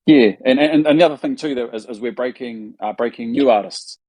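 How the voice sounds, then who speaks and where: A man's voice: medium pitch, a little fast, a little mellow, no echo. A man with a New Zealand accent answering questions casually as a musician host, in a laid-back, matey, slangy way.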